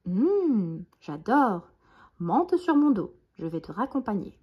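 A woman voicing a big, good-natured male bison who speaks calmly and teasingly in a bedtime story. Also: medium pitch, slow pace, slightly rough, muffled recording, exaggerated voice.

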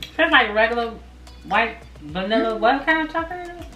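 Lively, bright-voiced woman host, teasing. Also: fairly high pitch, fairly quick, soft background music. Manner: teasing, laughing, blunt. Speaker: family channel host. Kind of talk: casual snack-tasting chat. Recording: echoey room.

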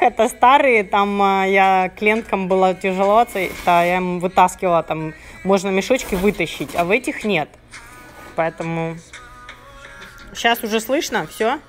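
A woman fitness trainer coaching casually at home, giving short repeated encouraging cues and counting workout reps. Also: medium pitch. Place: carpeted high-ceilinged living room at home. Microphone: handheld phone, sometimes covered by her hand.

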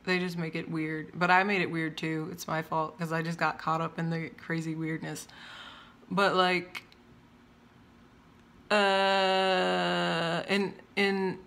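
A young woman rants casually for her vlog in a loud, projecting voice that runs on the low side, chatting, drifting off topic and cutting herself off. She holds her phone camera at arm's length in a room at home beside large windows.

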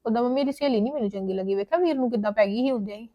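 A woman's voice: fairly high pitch, racing, lo-fi sound, lightly acted. A young woman playing a jealous younger sister who argues and complains to her mother. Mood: complaining. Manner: whiny, argumentative. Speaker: younger daughter.

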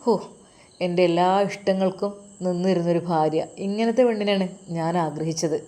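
A woman's voice: fairly low pitch, steady tone, moderate pace, mellow, voice pushed down, close to an everyday voice. A woman voicing a scheming young husband who talks with a swaggering, teasing tone. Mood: smug.

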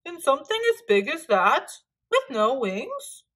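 A curious, excitable little polar bear cub from a storybook, as a woman reading aloud puts him on. His voice sits high and bright, and his words burst out as eager, wide-eyed exclamations. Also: slow pace, heavily acted. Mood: astonished. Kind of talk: children's storybook read-aloud.

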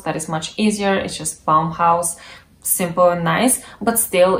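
A woman's voice: on the low side, reverberant. A woman giving a casual, reassuring explainer about learning a language, chatty with frequent asides. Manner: chatty, reassuring, many "you know" asides.

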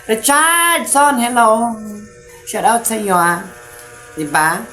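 A woman vlogger, chatting casually and teasingly while giving shout-outs to viewers. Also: deep voice, unhurried, faint music behind. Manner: chatty, teasing, giggly asides.

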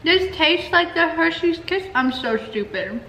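A woman's voice: very high voice, expressive, a little slow, pushed and bright. A woman in a casual, joking vlog chat, talking through a mouth full of food in a blunt, offhand way. The room rings with a long, echoey reverb, and a faint hiss sits underneath. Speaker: vlogger.

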